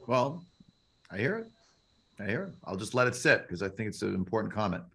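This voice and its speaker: A man's voice: lowish voice, sing-song, brisk, gravelly, bright, forceful tone, breathy edge. A man teaching a Bible class over a video call, digressive, full of fillers and rhetorical questions. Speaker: Torah teacher.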